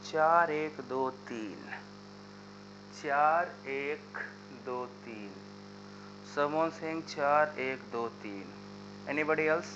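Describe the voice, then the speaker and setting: A chemistry teacher with a bright, slightly high voice runs a live online chemistry lesson, slipping into his explanations and pushing students to answer in the comments. The audio is dull and lo-fi, with a faint hum underneath.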